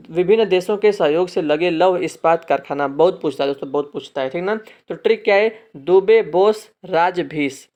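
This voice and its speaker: A man's voice: high voice, muffled recording. A man teaching an exam-prep lesson, explaining memory tricks and checking in with listeners after nearly every phrase. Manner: explains mnemonic tricks, repeats "ठीक है ना" often; addresses viewers as friends, drawn-out repetitions of key phrases.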